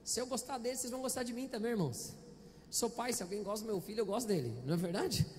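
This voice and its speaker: A male pastor with a Brazilian Portuguese accent holds a handheld mic in a church auditorium, delivering a playful, conversational Sunday sermon and frequently asking the congregation questions. His very high, slightly mellow voice comes out rapid-fire, with a big-room sound and faint background noise.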